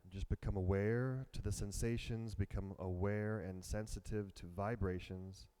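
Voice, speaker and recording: Low, mellow-voiced man guiding a meditation. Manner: slow, calm and soft-spoken. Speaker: meditation teacher. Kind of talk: guided meditation instruction.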